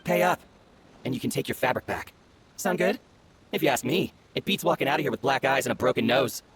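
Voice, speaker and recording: An actor playing a cocky, sneering young bandit bully in a video game, taunting and mocking. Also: male voice, mid-range voice, a little fast, a bit bright, slight background noise, close to an everyday voice, rough recording. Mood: smug. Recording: music behind the voice.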